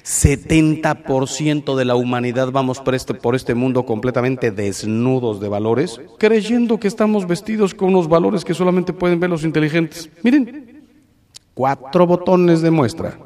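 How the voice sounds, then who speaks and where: A middle-aged man with a Mexican accent, a priest giving a lively talk to young people, emphatic and ironic, his voice jumping suddenly in pitch and loudness, with quick anecdotes and sarcastic asides.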